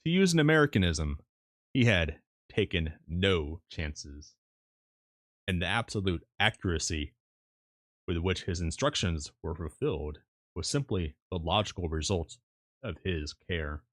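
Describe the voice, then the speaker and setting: A man reading a classic novel aloud as a streamer, in audiobook-style narration with measured, deliberate phrasing. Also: low-pitched, expressive, no room sound, clean studio sound. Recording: music playing behind the voice. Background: background music.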